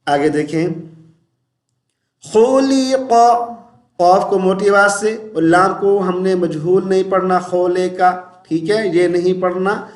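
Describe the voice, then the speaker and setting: Male tajweed teacher with a high voice, slow chanted verses between quick corrections, echoey room. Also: steady tone. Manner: drawn-out melodic recitation of verses, then brisk corrective explanation. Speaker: Quran recitation teacher. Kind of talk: tajweed lesson, alternating slow chanted recitation with spoken explanation.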